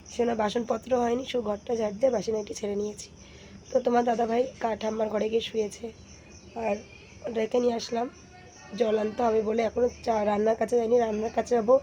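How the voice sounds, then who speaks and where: A young woman, hoarse from a sore throat, chatting to viewers in a casual home vlog. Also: on the high side, little pitch movement, fast talker, a little hiss or hum. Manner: chatty, addresses viewers warmly as friends. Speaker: vlogger. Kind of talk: casual daily-life vlog narration. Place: home kitchen and courtyard.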